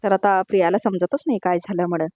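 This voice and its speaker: A woman narrating a voice-over episode recap in a brisk storytelling manner, addressing her audience, on a close mic. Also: medium pitch, fairly even intonation, warm tone, no room sound.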